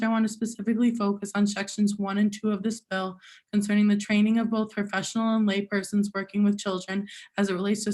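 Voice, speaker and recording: A young woman in her twenties, a law student, reading formal prepared testimony while losing her voice. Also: medium pitch. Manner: steady, formal reading in an even tone. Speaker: legal intern giving testimony.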